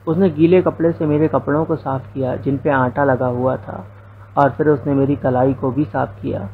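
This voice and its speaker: A man's voice: mid-range voice, steady tone, normal speed, narrow, tinny audio, slight background noise. A young man narrating a first-person story, with quoted dialogue folded into his telling.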